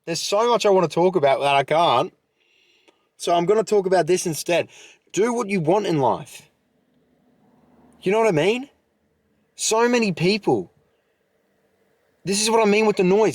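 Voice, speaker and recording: A man's voice: high voice, expressive, moderate pace, pauses often, dry recording. A young man hosting a solo podcast, talking in a fired-up, rambling way full of fillers and restarts. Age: young adult. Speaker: podcast host.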